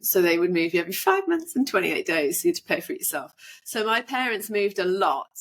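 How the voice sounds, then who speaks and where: A woman's voice: mid-range voice, a bit bright. A middle-aged woman from England, chatting casually as a podcast guest, rambling with fillers. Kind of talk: casual interview chat.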